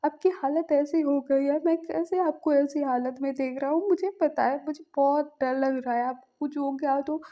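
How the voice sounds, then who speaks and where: Brief: woman doing a tearful, pleading young man; high gravelly voice, muffled lo-fi audio. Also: normal speed, warm tone. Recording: dull lo-fi recording.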